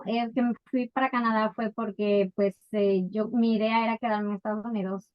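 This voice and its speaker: Unhurried woman from Ecuador, lo-fi sound. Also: medium pitch. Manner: thoughtful, unhurried storytelling with many fillers. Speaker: guest entrepreneur. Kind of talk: casual interview.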